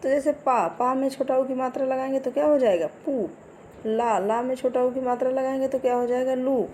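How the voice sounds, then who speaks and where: Brief: female primary teacher, mellow higher voice, slow deliberate delivery, faint background hiss. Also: fairly even intonation. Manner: slow, patient, repeats words for children to echo. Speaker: primary school Hindi teacher. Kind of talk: recorded lesson for young children.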